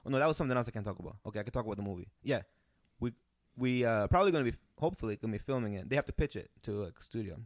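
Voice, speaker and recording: A man's voice: fairly low pitch, very fast, dry recording, studio quality. Peru-born man telling rambling stories. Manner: rambling, animated storytelling with restarts. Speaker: guest comedian. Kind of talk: casual podcast chat.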